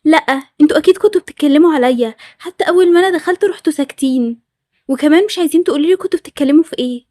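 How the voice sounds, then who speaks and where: A woman's voice: high-pitched, very fast, dark tone, no room sound, studio quality, natural voice. A woman with an Egyptian accent voicing a touchy, suspicious schoolgirl who keeps accusing people. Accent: Egyptian Arabic. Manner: accusing, indignant. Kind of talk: storytelling over animated game scenes.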